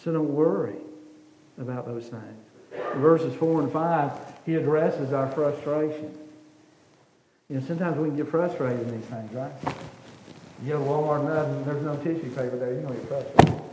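A man's voice: on the high side, moderate pace, warm tone. A man preaching a sermon as pastor, earnest, repeating words and asking rhetorical questions. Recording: echoey hall with faint noise.

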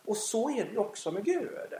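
Animated man telling a faith story. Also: high-pitched, slight background noise. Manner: animated storytelling, acts out scenes. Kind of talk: faith talk with personal story. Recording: echoey room.

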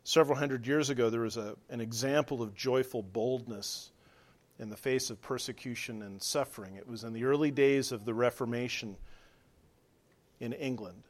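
A male pastor preaching a sermon, earnest, shifting between hushed lines and emphatic exhortation. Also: mid-range voice, fairly even intonation, moderate pace.

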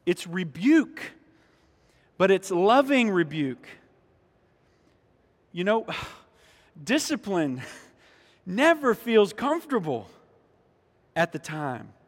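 High-voiced man preaching in a reverberant hall. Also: sing-song, slow pace, pauses often. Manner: emphatic preaching, repeats key lines for weight; addresses the congregation directly. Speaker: pastor. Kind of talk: sermon. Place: church sanctuary.

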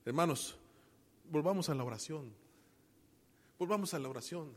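Preaching pastor with rising, swelling emphasis. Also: male voice, fairly high pitch, expressive, moderate pace, long reverb tail. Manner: preaching with sharp swings between soft and loud. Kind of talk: sermon.

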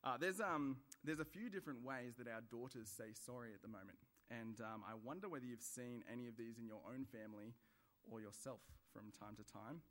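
A man preaching a sermon in church, at an ordinary middle pitch. He talks through his points in a conversational way, asking the listeners questions. He acts out small everyday examples as he goes. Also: brisk, fairly bright tone.

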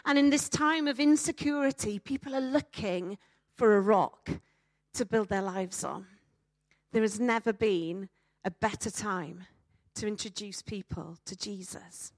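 With a mid-range voice and a Welsh accent, a woman preaches emphatically to a congregation, building her sermon on rhetorical questions and dramatic pauses. The sound is clean studio quality with no room sound.

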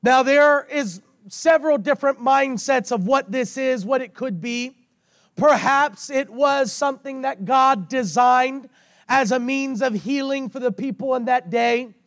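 A man preaching and praying to a congregation in a hoarse, failing voice, with drawn-out, emphatic phrasing and repetition. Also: very high-pitched, a bit bright, dry recording. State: hoarse, losing his voice while recovering from illness. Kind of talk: sermon and prayer to a congregation. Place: speaking to a congregation through a sound system with monitor.

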